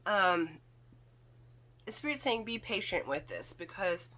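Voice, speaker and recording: A woman giving a spiritual card reading in casual, halting talk, her throat slightly foggy and congested from irritation. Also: medium pitch, very animated, sharp tone. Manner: halting, thoughtful, often checks with "okay?". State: throat irritated by volcanic fog, occasional coughing and throat clearing. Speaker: tarot and oracle card reader.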